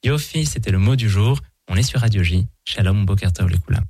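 Male radio language columnist, low relaxed voice, halting explanatory delivery, dry booth sound. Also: husky, no room sound. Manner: explanatory, with many hesitations. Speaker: Hebrew word-of-the-day columnist.

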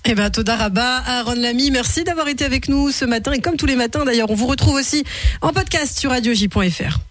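A woman's voice: high-pitched, quick pace, no room sound. Morning radio host woman, dry studio voice, faint music bed behind. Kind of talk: live radio hosting.

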